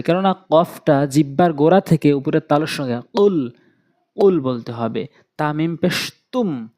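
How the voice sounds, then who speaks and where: A man with a Bangladeshi Bengali accent teaching Quran reading step by step, slowly drilling and repeating letter sounds. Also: a little high, a little mellow. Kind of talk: step-by-step recitation lesson.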